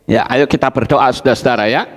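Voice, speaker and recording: A man leading a church service as pastor, speaking deliberately and often addressing the congregation directly. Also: mid-range voice. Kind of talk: sermon and church announcements. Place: church hall. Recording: church hall reverb.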